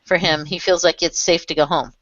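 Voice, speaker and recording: Chatty woman in a group talk, lowish voice, dry, dull lo-fi call audio. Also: fairly even intonation, brisk, no room sound. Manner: chatty, laughs often. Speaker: discussion group member. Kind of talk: casual group discussion. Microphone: video call.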